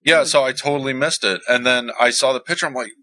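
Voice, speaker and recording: A man co-hosting a casual podcast chat, animated and laughing, with plenty of fillers. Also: medium pitch, fast, no room sound, low-quality recording. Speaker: podcast co-host.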